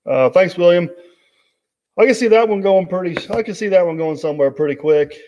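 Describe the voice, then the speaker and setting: A man's voice: sits high, animated, brisk. A man hosting a casual live stream, rambling with many fillers and reading out viewer comments. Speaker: host. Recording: dull audio with long reverb.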